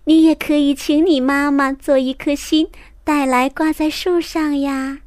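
A woman's voice: high-pitched, fairly even intonation, no room sound. Woman doing a small eager schoolkid. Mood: earnest. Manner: quick, bright, childlike.

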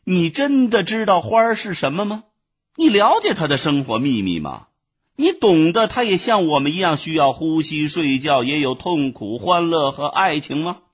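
A man's voice: a little high, sing-song, moderate pace, husky, pitched above the performer's own voice. A man voicing a proud, haughty female honeybee who scolds and lectures in a storybook reading. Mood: lecturing. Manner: scolding, lofty and indignant.

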